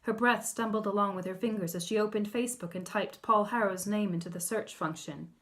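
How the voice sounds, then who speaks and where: A woman author narrating her own novel in a measured, softly expressive reading. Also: medium pitch. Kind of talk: audiobook narration.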